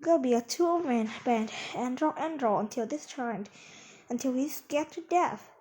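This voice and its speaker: A woman's voice: sits high, a little slow, dark tone. A woman reading the lines of a brave young boy in a storybook, eager and urgent.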